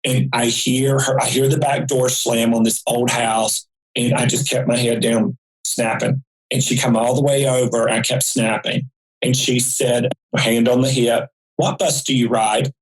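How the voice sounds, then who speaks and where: A man's voice: mid-range voice, a little slow, low-quality recording. Man telling a folksy story. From rural North Carolina. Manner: animated storyteller, folksy phrasing. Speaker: psychic guest. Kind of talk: storytelling interview.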